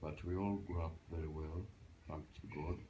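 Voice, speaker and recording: A man in his eighties from Uganda, reminiscing in a home interview, halting and restarting as he recalls his past. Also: very deep voice, dull audio, a little hiss or hum. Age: 80s. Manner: halting, restarts often, animated when recalling. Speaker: interviewee, grandfather. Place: grandparents' house, indoors.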